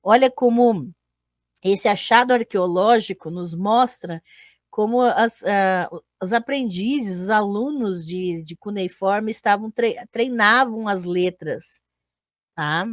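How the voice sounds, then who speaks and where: Woman, live online lesson, unhurried explaining, keeps checking in with listeners, dry close sound. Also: mid-range voice, no room sound. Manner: explanatory, with frequent checking tags and self-corrections. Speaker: teacher and podcast host. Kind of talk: live online lecture to viewers.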